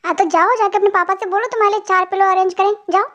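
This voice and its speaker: A young narrator voicing a stubborn, teasing young husband who argues and then softens, as in a spoken fan storybook. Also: male voice, very high-pitched, steady tone, quick pace, muffled recording, voice pushed up. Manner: teasing, argumentative.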